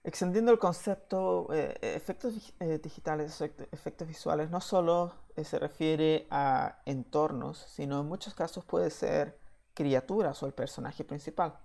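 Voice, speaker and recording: A man delivers an online slide lecture from a room at home, speaking into a webcam at his desk. His voice has a gravelly, creaky edge, and he talks in a measured way, pausing often on "eh". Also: fairly high pitch, darkish tone. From Chile. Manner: measured, with frequent "eh" fillers. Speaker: VFX software engineer giving a talk.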